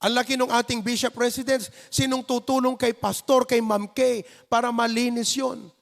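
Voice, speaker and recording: High-pitched Filipino pastor in an echoing church. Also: male voice, moderate pace, creaky. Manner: animated, acts out neighbors' reactions in put-on voices. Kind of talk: sermon. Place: church sanctuary.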